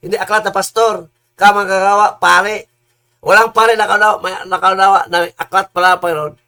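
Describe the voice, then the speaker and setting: A man preaching in a heated, combative rant, repeating himself and bursting into loud insults. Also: sits high, steady tone, fairly quick, soft background music.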